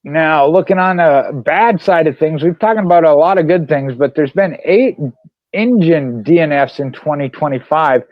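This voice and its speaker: A man co-hosting a racing podcast, chatting casually and slowing down to read figures. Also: fairly high pitch, no room sound. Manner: conversational, reads figures slowly. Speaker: podcast co-host. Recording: dry dull lo-fi mic.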